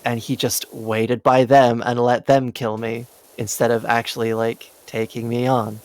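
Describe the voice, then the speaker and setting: A man's voice: medium pitch, flat delivery, a little slow, darkish tone, dry recording. A man chatting casually during a game stream, laughing often and rambling through asides. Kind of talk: casual gameplay chat.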